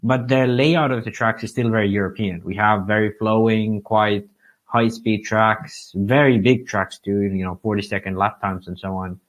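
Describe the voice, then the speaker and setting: A man's voice: lowish voice, fairly bright tone. A man from Finland co-hosting a casual podcast. His questions wander and build as he thinks them through. The sound is muffled and lo-fi. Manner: thoughtful, long winding questions. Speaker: co-host. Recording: dull lo-fi sound.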